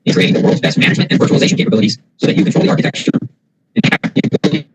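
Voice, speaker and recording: A man's voice: very fast, poor audio. A man giving a remote business keynote, his voice choppy and breaking up over a failing video call. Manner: fluent corporate pitch, lists points. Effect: choppy, breaking-up video call audio. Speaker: tech executive presenter.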